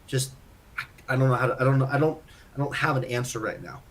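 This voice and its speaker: Fast-talking and mid-range in pitch, this male podcast co-host chats casually while mulling over his own game. He criticizes himself and frequently starts over mid-thought.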